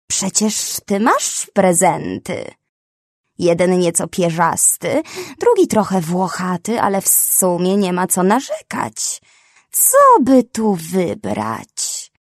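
A woman voicing a greedy, pompous male jungle snake, with slow, drawn-out threats. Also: on the low side, big pitch swings, darkish tone, no echo, studio quality, heavily acted.

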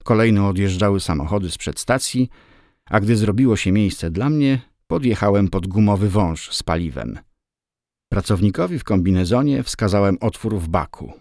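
A man reads an audiobook in a steady, measured way. His voice sits low, and the recording is dry and close, with no room sound. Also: dry recording. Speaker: audiobook narrator. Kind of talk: scripted narration.

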